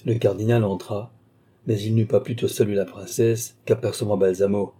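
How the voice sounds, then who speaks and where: A male audiobook narrator reading a classic novel in a measured, even way. His voice is very dark and mellow, with a husky grain. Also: on the low side. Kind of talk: scripted narration.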